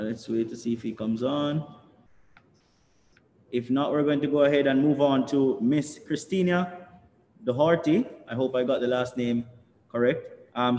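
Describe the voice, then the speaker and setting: A man with a Jamaican accent hosting a student office live stream, introducing committee members in a relaxed, chatty way. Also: mid-range voice, normal speed. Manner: relaxed, chatty, laughs between words. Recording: echoey room with long reverb, faint noise.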